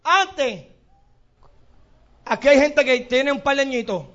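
A man with a Puerto Rican accent preaching a sermon as pastor, animated and acting out little scenes with sudden shouts. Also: extremely high pitch, slow pace. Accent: Puerto Rican Spanish. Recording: dull lo-fi sound.

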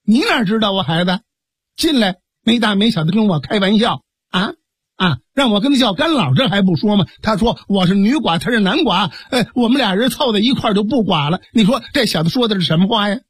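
A fierce, scheming innkeeper woman scolds in a husky voice, as a male storyteller puts her on. Her pitch leaps about with every complaint, and the sound is close and dry. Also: lively intonation, a little fast, dry recording. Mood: indignant. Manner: scolding, indignant. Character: scheming, fierce middle-aged female innkeeper.

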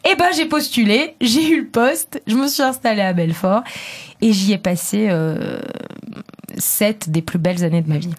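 A woman from southern France, a radio presenter, telling stories from her career in a lively conversational interview and voicing the people she quotes. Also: medium pitch, moderate pace. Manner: animated, acts out dialogue in quotes.

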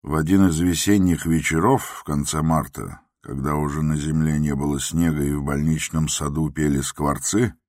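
A man narrating a classic novel as an audiobook reader, in a measured, even delivery. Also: very deep voice, no room sound, clean studio sound. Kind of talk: scripted literary narration.

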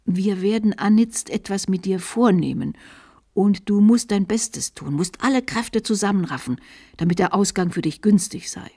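A woman voicing an old, fanatical male bishop with a trembling voice that rises to a shrill shriek. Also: lively intonation, normal speed, warm tone, husky. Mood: coaxing.

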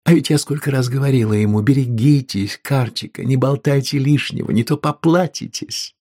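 A man reading an audiobook, voicing an excitable, pious innkeeper's wife with raised, indignant outbursts and a raspy voice. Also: mid-range voice, moderate pace. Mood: furious. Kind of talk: audiobook character voice.

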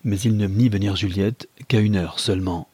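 Man, novel narration, measured, husky voice, dry recording. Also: fairly low pitch, fairly even intonation, darkish tone, dry recording.

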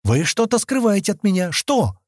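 A man reading an audiobook, voicing a young woman who is bewildered and insistent, in a raised husky voice. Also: low voice, sing-song, moderate pace, darkish tone, no room sound, clean studio sound, voice pushed up, heavily acted. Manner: raised questioning voice, protesting.

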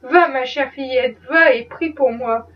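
A woman reading a novel aloud, voicing an ironic wealthy gentleman who is a worldly skeptic, with a dry, mocking manner. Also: sits high, a little slow, recorded from a distance, muffled recording. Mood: wry. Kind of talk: audiobook reading.

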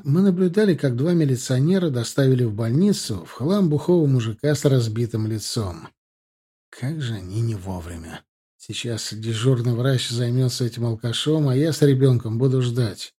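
A male narrator reads a first-person story aloud in a matter-of-fact way. His voice is dark and mellow, with a slightly husky edge. The telling stays even and plain. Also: medium pitch. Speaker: audiobook narrator.

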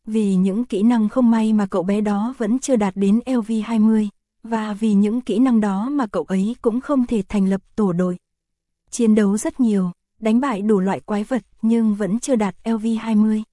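A woman narrating a fantasy novel as an audiobook, in a steady, even storytelling read. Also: mid-range voice, normal speed, no room sound, studio quality.

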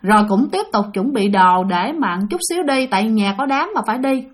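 High-voiced Southern Vietnamese storyteller woman. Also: animated, fairly quick. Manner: chatty, addresses listeners directly. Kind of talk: casual spoken ghost story.

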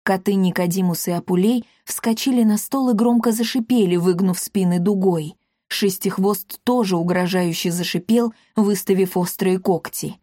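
A woman narrating a children's adventure audiobook in a lively, dramatic reading style. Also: medium pitch, normal speed, dry recording, studio quality. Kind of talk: expressive storybook reading.

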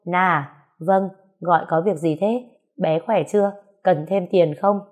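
A woman's voice: fairly low pitch, measured pace, darkish tone, lightly acted. A woman reading a story aloud, voicing a casual, reassuring man.

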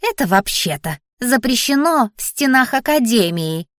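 A woman's voice: on the high side, sing-song, moderate pace, no echo, clean studio sound, pitched above the performer's own voice. A woman putting on a hissing spiteful flower. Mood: snide. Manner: hissing, snide.

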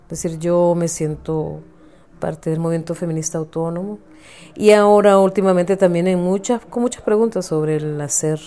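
A middle-aged Honduran woman with a low-sitting voice, a feminist activist and writer, reflects on politics as an interview guest. She speaks thoughtfully, pausing to search for words, restarting sentences and using tag questions in a conversational exchange.

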